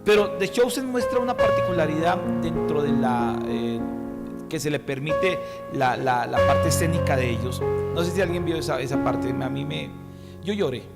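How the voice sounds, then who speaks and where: A man's voice: fairly high pitch, moderate pace, vocal fry. A male pastor from Colombia preaching a sermon, asking the congregation questions and reading scripture aloud. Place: church hall. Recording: reverberant church hall with music. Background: music.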